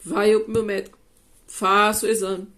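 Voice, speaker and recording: A Brazilian woman in her fifties with a Brazilian Portuguese accent, telling a personal testimony to her channel in an animated way. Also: medium pitch, moderate pace. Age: 50s. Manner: animated storytelling, acting out dialogue. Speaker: vlogger.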